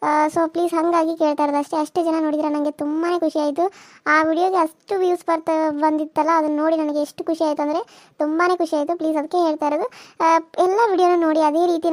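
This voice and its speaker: A woman's voice: very high-pitched, no room sound, studio quality. A woman channel host, earnestly appealing to her viewers and repeating her requests. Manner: earnest, pleading, repetitive.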